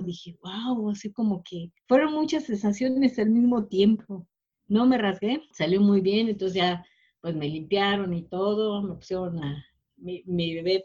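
A woman shares a personal story in an interview, her speech emotional and full of fillers and restarts. The recording sounds slightly dull and lo-fi. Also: mid-range voice. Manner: warm, emotional, many fillers.

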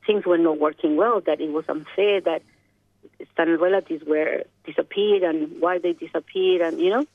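A woman's voice: on the low side, fairly even intonation, moderate pace, no room sound. A woman from Chile with a Chilean Spanish accent, a guest in an interview, speaking reflectively and searching for her words. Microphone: telephone. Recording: dry, tinny phone line.

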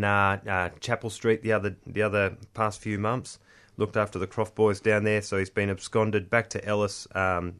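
Aussie tradesman type, male, lower-pitched, matey union rep in relaxed conversational chat. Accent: Australian. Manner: blokey Aussie tradesman talk, matey and colloquial. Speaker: union representative, podcast host. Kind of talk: casual chat.

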